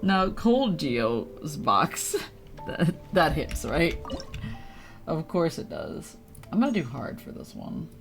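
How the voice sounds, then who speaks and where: This woman's voice is low-pitched with big swings in pitch, slow delivery, and vocal fry. She's livestreaming a game and bantering playfully with viewers in slangy talk that includes some swearing, with game music and sound effects in the background.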